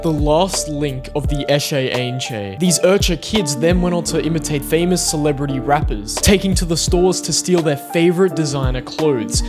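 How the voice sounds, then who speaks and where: Over clear background music, an Australian man delivers scripted documentary narration. The writing is tongue-in-cheek, read as a presenter's voice-over. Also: a little high.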